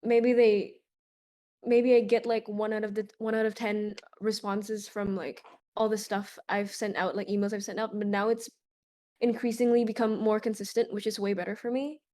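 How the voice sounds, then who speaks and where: A woman's voice: medium pitch, moderate pace. A young woman from Indonesia, a native Indonesian speaker, talking casually as an interview guest with lots of "like" fillers. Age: young adult. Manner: relaxed, chatty, many "like" fillers. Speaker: guest concert photographer.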